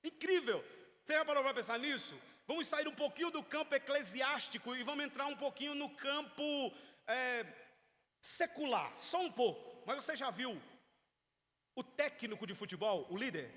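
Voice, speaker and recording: High-voiced Brazilian preacher in echoing church. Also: male voice, moderate pace, pushed and bright. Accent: Brazilian Portuguese. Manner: emphatic, asks the congregation questions. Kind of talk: teaching sermon. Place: church sanctuary. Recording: long reverb of a church hall.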